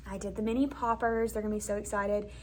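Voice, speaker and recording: A woman's voice: medium pitch, flat delivery, quick pace, slight background noise. A young woman, a first grade teacher, chatting casually and upbeat as she walks through her classroom day. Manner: chatty, upbeat, filler-heavy. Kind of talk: casual vlog narration.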